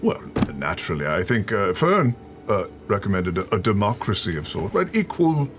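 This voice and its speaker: Man playing a theatrical, wildly animated boastful adventurer. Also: lowish voice, normal speed, slight background noise. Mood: boastful, breezy. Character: boastful, theatrical self-styled wise adventurer. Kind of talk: improvised tabletop role-play.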